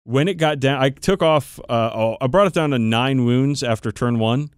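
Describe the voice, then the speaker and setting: On a clean, echo-free studio recording, this man speaks at medium pitch and normal speed. He co-hosts a podcast, trading profane, lively tabletop-game stories in a casual chat between friends.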